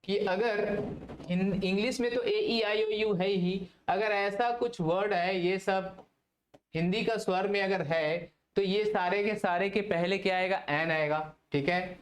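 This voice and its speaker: A man's voice: high voice, steady tone, measured pace. A man teaching English grammar in a video lesson. He asks questions and answers them himself, mixing Hindi and English. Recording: roomy echo, faint background hiss.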